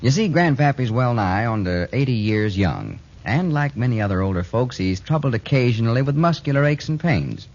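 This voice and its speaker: This medium-pitched male voice is very animated and a bit dark in tone, moving at a moderate clip with few pauses. He delivers a homespun, persuasive sponsor spot, muffled as if heard on 1940s AM radio.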